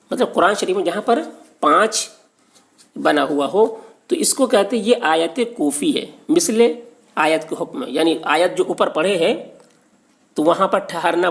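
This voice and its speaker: A man giving a religious lesson on recitation marks, explaining slowly and patiently, repeating key terms and checking in with the listener. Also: high voice, vocal fry. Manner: patient and repetitive, often checks with "okay". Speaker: religious teacher.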